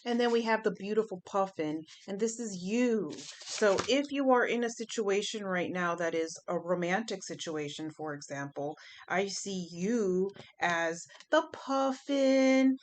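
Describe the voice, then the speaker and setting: A woman's voice: mid-range voice, lively intonation, unhurried, few pauses, slight background noise. A woman giving a chatty pick-a-pile tarot reading, emphatic and fond of repeating her phrases. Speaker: tarot reader.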